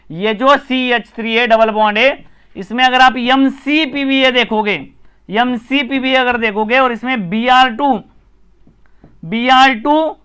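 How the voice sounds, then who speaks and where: A man with an Indian accent teaching a live online chemistry class, brisk and repetitive, often urging viewers to comment, like and share. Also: extremely high pitch, fairly bright tone, clear, resonant tone.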